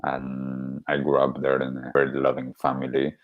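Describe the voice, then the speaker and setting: Very deep, flat-voiced Argentine-born man. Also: no room sound, phone-quality sound. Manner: halting, with many restarts and fillers. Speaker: podcast guest, wellbeing coach. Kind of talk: casual interview talk.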